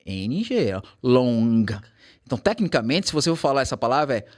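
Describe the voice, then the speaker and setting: An English teacher with a Brazilian Portuguese accent tells animated stories in casual chat, slipping into quoted English as he goes. His voice is medium-pitched and he talks fast.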